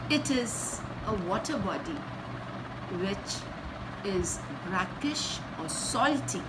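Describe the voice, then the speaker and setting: Heavy background noise surrounds a woman's mid-range voice as she expressively reads a children's story. Her delivery is dramatic and teacherly, with pauses between short phrases and words repeated for effect.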